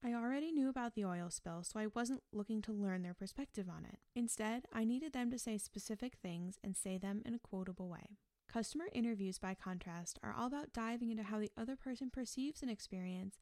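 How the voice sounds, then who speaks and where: A woman reading her own nonfiction book aloud as scripted audiobook narration, in a calm, measured, gently explanatory manner. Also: medium pitch, no echo, studio quality.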